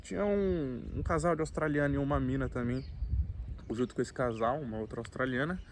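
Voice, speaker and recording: A man's voice: medium pitch, fairly quick. Laid-back Brazilian man, noisy outdoors. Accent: Brazilian Portuguese. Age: late 20s. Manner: laid-back slangy talk, frequent filler tags. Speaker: vlogger. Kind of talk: casual reflective monologue. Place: outdoors at a campsite.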